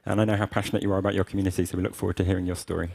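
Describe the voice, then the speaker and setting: A man moderating a conference, briskly introducing speakers. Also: low-pitched, flat delivery, creaky, darkish tone.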